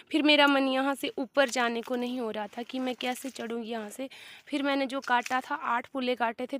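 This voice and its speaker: Casting: chatty village vlogger, woman, slightly high voice, a bit throaty from a sore throat, phone held outdoors. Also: no echo. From Himachal Pradesh, India. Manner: chatty, talks straight to viewers. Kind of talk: casual walk-along vlog talk. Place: outdoors on a steep grassy hillside.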